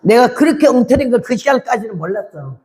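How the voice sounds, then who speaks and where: A woman in her eighties, a missionary, giving an animated testimony sermon and acting out the voices in her story. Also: fairly high pitch, fast. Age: 80s.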